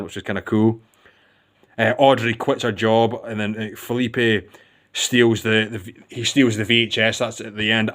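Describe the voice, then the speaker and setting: A man's voice: lowish voice, a bit bright. A man giving a casual, rambling film review with enthusiasm, often restarting his sentences.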